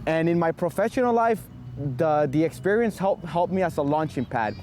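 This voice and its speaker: A man interviewed outdoors in a city, talking in English and halting over his words. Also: a little high, lively intonation, darkish tone. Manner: halting, repeating himself. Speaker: former exchange student, interviewee.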